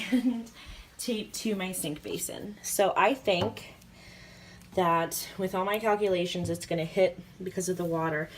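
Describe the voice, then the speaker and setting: A chatty woman talks through a home project in a casual vlog, excitable and quick to giggle. Her voice sits at an ordinary middle pitch. A faint hum of the house runs under the camera's mic. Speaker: goldfish keeper vlogger. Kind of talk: casual home video narration. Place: home room with a fish tank.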